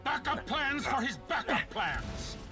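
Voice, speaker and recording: An actor playing a gruff, proud older male winged villain in a video game, menacing and theatrical. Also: very high-pitched, wildly swooping pitch, takes it slowly, music in the background, heavily acted.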